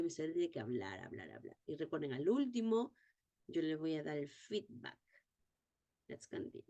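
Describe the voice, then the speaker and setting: A woman teaching an exam-prep lesson, reading English terms slowly and repeating key points. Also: fairly low pitch, darkish tone.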